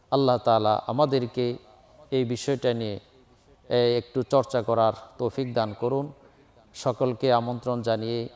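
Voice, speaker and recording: A man teaching Quran reading, drilling Arabic letters and sounds and chanting each syllable louder and higher.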